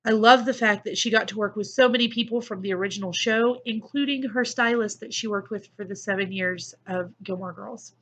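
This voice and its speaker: A woman's voice: mid-range voice, brisk, few pauses, fairly bright tone, dull audio. A woman giving a casual, gushing book review in an effusive, enthusiastic manner.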